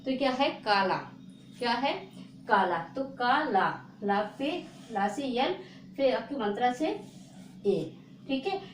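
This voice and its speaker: A woman teaching a spelling lesson, repeating words slowly and asking her viewers rhetorical questions. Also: fairly high pitch, expressive. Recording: echoey room with faint noise.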